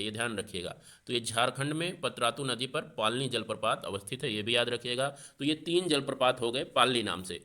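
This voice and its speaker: A man teaching a geography lesson for exam preparation, explaining slowly and repeating the key points for his students. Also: medium pitch, bright, forceful tone.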